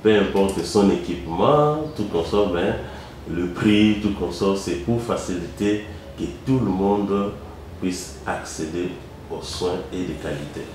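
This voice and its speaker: A very deep-voiced man with a Congolese French accent speaks as the founder of a medical centre. He talks in a measured way and often pauses on fillers. The recording is very echoey, with a faint hiss behind him. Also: darkish tone. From Kongo Central, DR Congo. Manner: measured, hesitant with frequent "euh" fillers. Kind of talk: interview answers. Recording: very echoey room.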